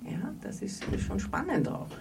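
Gravelly woman therapist, mic far off. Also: medium pitch, wildly swooping pitch, normal speed, darkish tone. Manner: thoughtful, hesitant, many fillers. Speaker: psychotherapist in private practice. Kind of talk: radio interview. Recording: distant mic with faint background noise.

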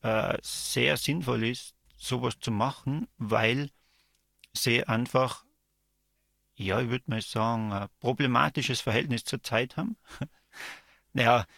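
A man answering interview questions in a thoughtful, halting way, searching for his words. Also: mid-range voice, vocal fry, sharp tone, no room sound. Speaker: interview guest, artist. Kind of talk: reflective interview talk.

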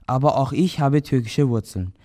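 A sixteen-year-old boy from Vienna, Austria, hosts a school radio interview, reading formal introductions and questions. His voice is medium-pitched with a dark tone, at normal speed.

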